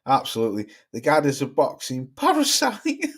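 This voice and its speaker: A man's voice: mid-range voice, wildly swooping pitch, moderate pace, breathy edge. Male streamer, casual boxing chat host, swears a lot, reads chat comments aloud.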